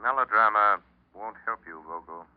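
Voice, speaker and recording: An actor playing a calm, mocking, menacing unseen avenger in an old radio mystery, speaking deliberately and theatrically. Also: male voice, fairly low pitch, lightly acted. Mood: knowing, sardonic. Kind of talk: 1940s radio mystery acting. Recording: dull old radio recording.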